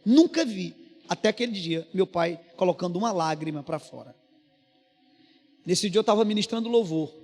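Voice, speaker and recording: A man's voice: high-pitched, lively intonation, normal speed, a little mellow. A Brazilian man preaching a sermon, telling a personal story in an earnest, conversational way. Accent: Brazilian Portuguese. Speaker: pastor. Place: church. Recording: reverberant church hall with music behind.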